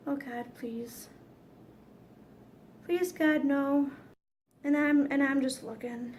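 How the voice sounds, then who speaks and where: A woman with a high, light voice tells a story straight to her viewers. She is chatty and dramatic, and she drops swear words casually. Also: a little hiss or hum. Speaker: vlogger.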